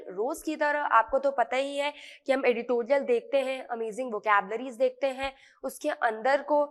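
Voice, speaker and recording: A woman's voice: sits high, a bit bright, big-room sound. A woman with an Indian accent teaching English vocabulary in an online lesson, repeating words and checking in with her students often.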